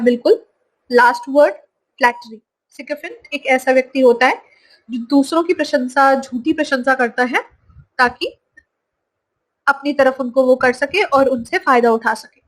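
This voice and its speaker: High-voiced woman teaching vocabulary. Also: fairly even intonation, poor audio. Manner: slow, drawn-out pronunciation of each word, repeated. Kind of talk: slide-based vocabulary lesson.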